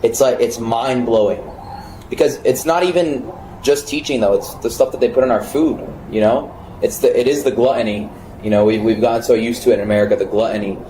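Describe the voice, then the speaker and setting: A man hosts a podcast with a mellow, darker tone, heard in a roomy, echoey space. He talks in an animated, emphatic way and swears now and then. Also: mid-range voice, brisk, a little hiss or hum. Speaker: podcast host. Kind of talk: casual podcast chat. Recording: roomy echo.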